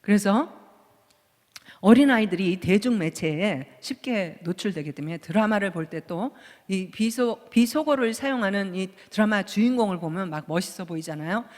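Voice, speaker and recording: Woman pastor preaching in a reverberant hall. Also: mid-range voice. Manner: conversational preaching with rhetorical questions to the congregation. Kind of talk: sermon. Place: church sanctuary. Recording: long church hall reverb.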